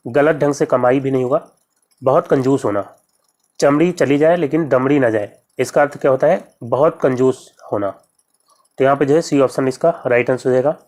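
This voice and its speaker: A teacher giving an exam-prep lesson, reading each question and its options aloud, then explaining the answer step by step and repeating key terms slowly. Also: mid-range voice, a little mellow.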